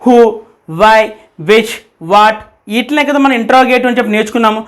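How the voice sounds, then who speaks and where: A teacher giving a spoken grammar lesson who repeats key points, asks rhetorical questions and dictates example sentences slowly. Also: mid-range voice, fairly even intonation.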